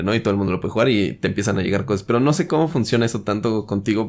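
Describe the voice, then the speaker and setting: A man's voice: lowish voice, gravelly. A man, interviewing a game developer in a casual, curious way. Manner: curious, conversational questions.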